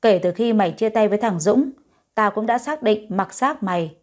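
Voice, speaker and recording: Woman doing an angry strict dad yelling orders, warm lowish voice, audio story. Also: normal speed, lightly acted. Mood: furious. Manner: shouting, harsh commands. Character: angry domineering middle-aged father.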